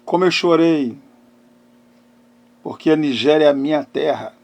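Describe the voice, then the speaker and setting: Preaching from personal testimony, a middle-aged pastor speaks in a notably high-pitched voice, setting phrases down emphatically with dramatic pauses. He moves between loud stress and hushed delivery. He is a pastor and therapist hosting a live talk.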